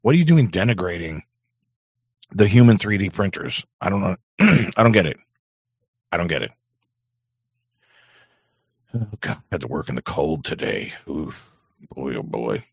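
Host, middle-aged man, extremely low, hoarse voice, rambling profane monologue on a dry, dull-sounding studio mic. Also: big pitch swings, measured pace, long pauses, no room sound. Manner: rambling, profane, frequent throat-clearing. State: hoarse throat. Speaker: show host. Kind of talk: casual on-air monologue. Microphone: studio microphone.

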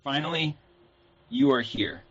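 A man voicing a gruff male spirit guide with a robotic, metallic voice, who switches between solemn pronouncements and crude slang. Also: fairly high pitch, a little slow, fairly bright tone, muffled recording.

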